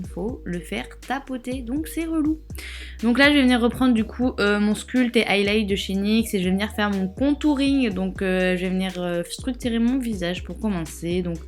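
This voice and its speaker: A woman's voice: mid-range voice, a little mellow. A young woman casually narrating a makeup tutorial, rambling with lots of fillers and joking asides. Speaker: beauty vlogger.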